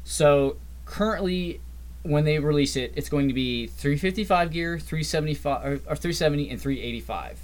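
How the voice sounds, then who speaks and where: A podcast co-host with a fairly high voice talks at a normal speed, walking through game patch changes. His casual gaming chat is loose and rambling, and he often lets his sentences trail off.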